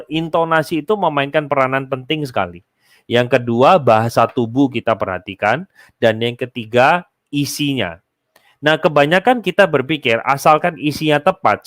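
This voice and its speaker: A man's voice: mid-range voice, fairly bright tone, no room sound, clean studio sound. A man, giving casual, explanatory advice to an audience he addresses directly. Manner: explanatory, addresses listeners as Bapak Ibu. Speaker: speaker answering a host's question.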